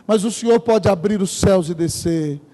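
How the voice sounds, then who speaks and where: This high, dark-toned male voice belongs to a pastor delivering a sermon at normal speed. He tells his stories with emphasis and frequently speaks directly to the congregation, and the church sanctuary gives a long, echoing reverb.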